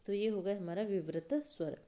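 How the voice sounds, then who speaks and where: A woman's voice: mid-range voice, moderate pace, warm tone. A woman teaching an exam-prep grammar lesson, repeating key terms, asking and answering her own questions and sounding out vowels to demonstrate.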